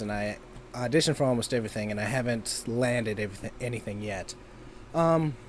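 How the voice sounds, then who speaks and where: There's a slight hiss or hum under this medium-pitched voice, belonging to a young man from Minnesota who does amateur voice acting. In his casual vlog he rambles, leans heavily on fillers like "um," and tosses in self-deprecating asides.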